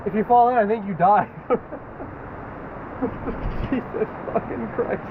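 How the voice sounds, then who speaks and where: A man with a high voice films a casual adventure vlog outdoors. He swears freely and exclaims as he talks. Loud rushing water runs heavily behind his voice. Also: phone-quality sound, background noise. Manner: profane, exclamatory. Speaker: vlogger. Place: outdoors at a rocky river and cave.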